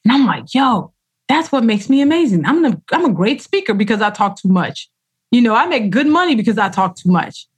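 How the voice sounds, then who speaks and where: A woman author, guest in a casual interview, speaks expressively in a slightly high, somewhat fast, breathy voice. She tells stories by acting out quoted voices and uses slang.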